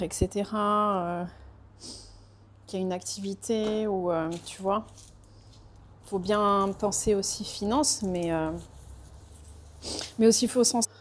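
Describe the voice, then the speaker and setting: Hesitant woman pastry chef, mellow voice. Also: mid-range voice, slight background noise. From France. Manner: hesitant, many fillers and restarts. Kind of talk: casual conversation.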